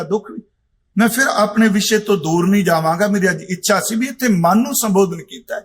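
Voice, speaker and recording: Middle-aged male preacher, raised pitch, slow chanted verses between plain explanation. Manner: chants scripture lines slowly, explains in plain speech. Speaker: Sikh preacher giving katha. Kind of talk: religious discourse on scripture.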